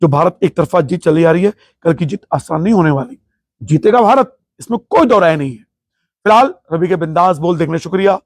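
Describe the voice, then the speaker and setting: A man with a high-pitched voice talks cricket in a passionate, emphatic monologue, hosting his own show. The sound is dry and close, with no room echo. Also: animated, fairly quick. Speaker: host of a cricket talk show. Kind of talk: opinionated cricket commentary monologue.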